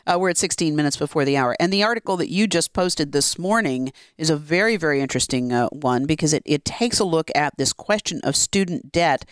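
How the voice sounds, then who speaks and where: A smooth radio talk show host taking calls and interviewing guests live, measured and polite with some fillers. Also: mid-range voice, animated, dry recording, studio quality. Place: radio studio. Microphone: close studio microphone.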